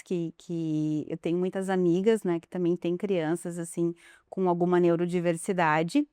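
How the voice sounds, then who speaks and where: A woman's voice: mid-range voice, darkish tone, smooth, no echo, clean studio sound. A woman who works in health care and once taught, speaking conversationally with frequent fillers. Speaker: health worker and former teacher. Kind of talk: interview answers.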